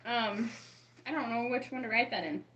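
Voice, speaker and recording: Bright-voiced woman chatting on a live stream. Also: on the high side, moderate pace, highs cut off. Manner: chatty, reads and greets viewers from the chat. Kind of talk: casual live-stream chat. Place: room in a home. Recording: roomy echo.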